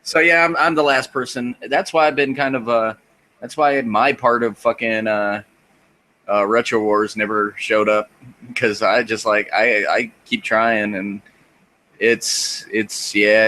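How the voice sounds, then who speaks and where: A man's voice: lowish voice, little pitch movement, a little slow, pushed and bright, low-quality recording. A man in his thirties, a podcast host chatting casually in a rambling, profane, self-deprecating way. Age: 30s. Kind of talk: casual chat.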